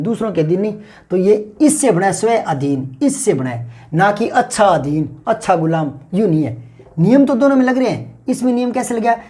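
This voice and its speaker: In a classroom-style grammar lesson, a man whose voice sits high with a darkish tone explains things patiently. He drills key words by saying them aloud repeatedly.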